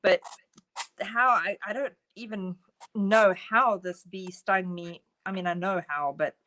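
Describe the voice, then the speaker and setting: A woman co-hosting a casual chat, relaxed and laughing often as she tells a story. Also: medium pitch, unhurried. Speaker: co-host.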